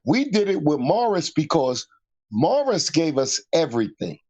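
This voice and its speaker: A man's voice: a little high, sing-song, normal speed, darkish tone, dull audio. A man joining a sports talk show who talks in a laid-back, slangy way. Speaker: co-host or guest.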